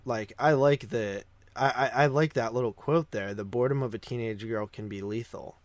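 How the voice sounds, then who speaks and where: With a mid-range voice at a moderate pace and no echo, a man co-hosts a podcast about films. He keeps it casual and conversational, his loose phrasing often returning on itself.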